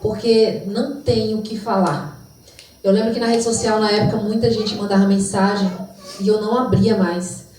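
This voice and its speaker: A woman's voice: medium pitch, steady tone, moderate pace, a little mellow, a little hiss or hum. A woman giving an emotional, reflective spoken testimony in church. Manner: emotional, reflective, sometimes sings. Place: church hall. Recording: distant mic in echoey church hall.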